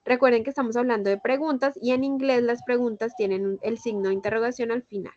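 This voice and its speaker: A woman with a slightly high voice teaches English over a video call, walking through each point step by step. Her voice is close and dry, with dull, lo-fi call audio. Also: fairly even intonation, fast talker, a little mellow, no room sound. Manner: explains step by step with Spanish and English examples. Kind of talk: online class explanation.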